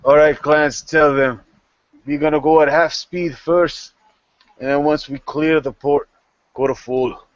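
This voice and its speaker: Man doing a commanding sea captain, brisk, slightly raised pitch, dull lo-fi. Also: steady tone, no room sound, lightly acted. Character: commanding male sea captain barking orders.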